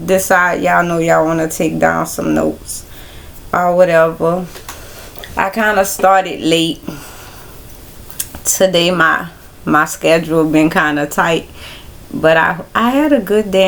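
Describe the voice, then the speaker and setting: Slow, gravelly-voiced woman hosting Bible study. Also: on the low side. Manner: relaxed, rambling, speaks directly to viewers as y'all. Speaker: host of a Bible study livestream. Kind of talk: casual Bible study chat.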